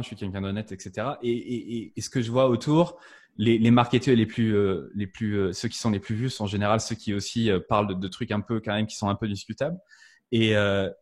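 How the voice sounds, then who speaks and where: Guest in his thirties, fairly low voice, halting, filler-heavy conversational delivery. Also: darkish tone. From France. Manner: hesitant, many fillers and restarts. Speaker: podcast guest, marketing strategist. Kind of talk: casual interview chat.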